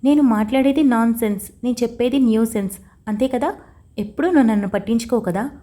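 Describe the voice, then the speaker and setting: A woman's voice: on the high side, quick pace, mellow, natural voice. A woman reading the lines of a torn, tearful young wife in an audio story, emotional and defiant. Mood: tense.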